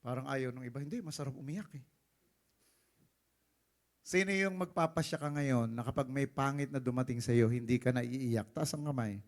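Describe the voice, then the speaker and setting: A male pastor preaching a sermon in a church. He is animated, acts out the stories, and keeps asking the congregation "Amen?". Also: mid-range voice, a little fast. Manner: animated, acts out quotes, often asks "Amen?".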